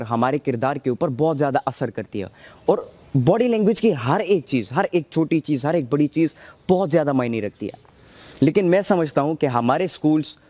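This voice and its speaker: A man's voice: mid-range voice, dark tone, no room sound. A man giving an earnest talk on communication skills, explaining each point step by step.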